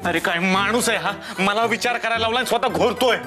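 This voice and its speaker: A man with a high voice who sounds easygoing and reassuring and keeps breaking into laughter. Music runs underneath. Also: fast talker. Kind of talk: comic sketch dialogue.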